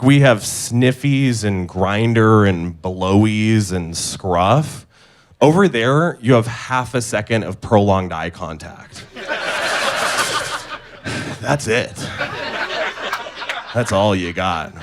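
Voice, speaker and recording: A young man from Indonesia performing a stand-up comedy set, delivering absurd punchlines in a deadpan way on a club stage. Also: on the low side, slow, long pauses. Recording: live club set with clear audience noise.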